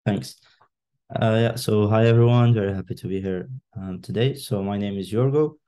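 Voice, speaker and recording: A man's voice: lowish voice, moderate pace, dark tone, clean tone. A man from Lebanon giving a candidate statement on a video call, hesitant and full of fillers. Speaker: election candidate. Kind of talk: online meeting statement.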